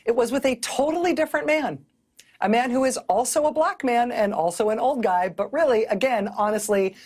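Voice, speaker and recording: A woman's voice: a little high, fairly quick, a little mellow, slightly rough. A middle-aged woman hosting a televised news commentary, speaking in a wry, sardonic way on a studio mic. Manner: wry, sardonic, often laughing mid-sentence.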